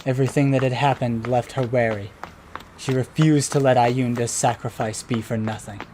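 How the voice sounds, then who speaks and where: A man narrating a children's storybook in a calm, even voice. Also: medium pitch, normal speed, slight background noise.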